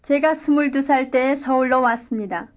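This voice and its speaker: A woman reading a scripted language-lesson dialogue and drill answers in clear, careful model sentences. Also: sits high, moderate pace, highs cut off. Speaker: language course speaker.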